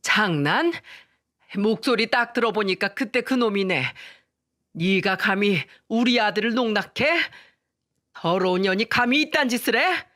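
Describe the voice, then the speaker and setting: A woman's voice: medium pitch, expressive, unhurried, a bit bright. A woman doing a furious scolding mother-in-law. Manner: harsh scolding. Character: furious middle-aged mother-in-law, sharp-tongued.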